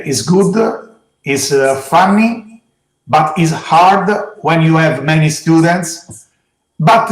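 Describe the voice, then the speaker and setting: A middle-aged man with an Italian accent answers interview questions as a teacher, in halting, simple non-native phrasing. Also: high-pitched. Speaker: geology teacher being interviewed. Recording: echoey room.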